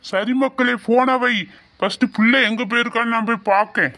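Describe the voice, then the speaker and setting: A man playing a calm, gentle father who speaks to his daughter on the phone. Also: very high voice, fairly quick, exaggerated voice. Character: middle-aged father, calm and affectionate.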